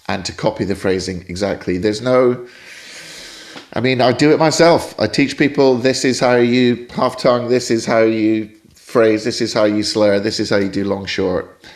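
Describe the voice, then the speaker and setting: His voice sits in the mid-range: a man from Scotland, British-accented, who teaches jazz saxophone. During a podcast interview he offers thoughtful explanations and wanders off topic now and again.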